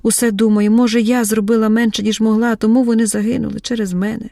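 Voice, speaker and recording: Fretful old teacher lady, read by a woman, mellow voice, audiobook. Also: a little high, flat delivery, quick pace, gravelly, no room sound, studio quality. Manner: anxious, lamenting.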